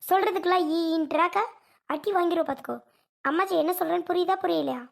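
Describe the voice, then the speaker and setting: A woman's voice: very high voice, fast talker, vocal fry. A woman playing a fussy grandmother in a family comedy skit, who nags, complains and lectures. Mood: scolding. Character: fussy scolding grandmother, protective of baby.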